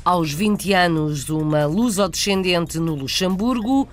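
A woman's voice: lowish voice, a little slow. A woman presenting a news magazine with scripted narration.

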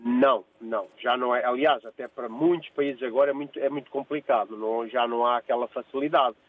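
A man's voice: mid-range voice, steady tone, fast. Older Angolan-born man on a tinny phone line. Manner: repeats phrases, hesitant restarts. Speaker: caller. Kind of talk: phone-in chat.

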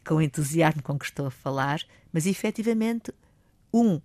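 Lively older Portuguese woman teacher. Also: low voice, no room sound. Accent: European Portuguese. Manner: lively, acts out examples, admits speaking fast. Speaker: guest speaker, Portuguese teacher. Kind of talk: explanatory talk on public speaking.

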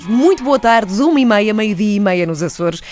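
A woman hosting a radio interview, asking questions in a brisk, engaged way. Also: medium pitch, animated, music in the background. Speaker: radio host. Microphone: studio microphone.

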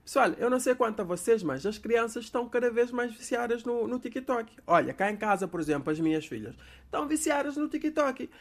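A man's voice: very high voice, animated, brisk. A man from Cape Verde with a Cape Verdean accent, telling a comic story about his daughter straight to his viewers in a chatty way. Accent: Cape Verdean Portuguese. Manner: chatty, addresses viewers directly. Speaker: comedy creator.

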